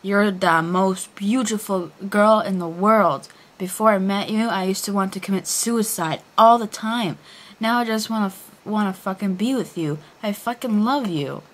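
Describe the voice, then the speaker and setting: A woman's voice: mid-range voice, moderate pace, lightly acted. Mournful teen goth boyfriend, voiced by a woman, pleading and hammy, for a dramatic story reading. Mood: lovesick declaring.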